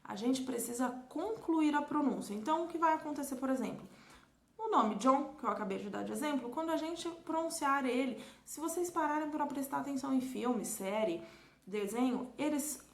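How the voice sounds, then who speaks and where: A woman teacher with a Brazilian Portuguese accent giving a recorded lesson to children, repeating example words slowly and clearly. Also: high-pitched, lively intonation, roomy sound. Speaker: English teacher.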